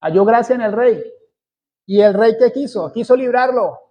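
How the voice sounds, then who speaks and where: A man from Colombia preaching a sermon, slow and deliberate, repeating key phrases for emphasis. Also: very high-pitched, lo-fi sound.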